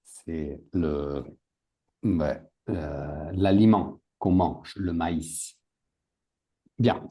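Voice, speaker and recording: A man's voice: low-pitched, drawn-out words, pauses often, mellow. A man teaching a language class, patiently repeating words and adding English glosses for his students. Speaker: French teacher.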